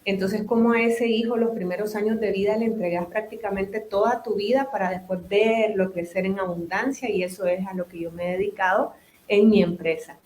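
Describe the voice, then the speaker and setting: This medium-pitched woman talks fairly quickly with fairly even intonation and a darkish tone, and the sound is roomy. She's a Nicaraguan business owner and psychotherapist, a talkative interview guest who explains at length with restarts and asides.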